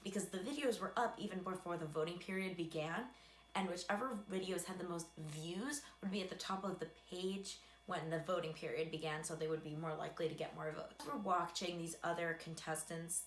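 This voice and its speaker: A woman's voice: lowish voice, steady tone, fairly quick. Young american woman doing a casual storytime, chatty n self-deprecating, echoey room w a bit of background hum. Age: young adult. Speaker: video creator telling a personal story.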